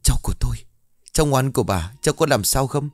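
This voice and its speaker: A man's voice: mid-range voice, lively intonation, fast talker, no room sound, voice pushed up, lightly acted. A man voicing an anxious, tearful old grandmother in an audio story, wailing and fretful. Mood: panicked.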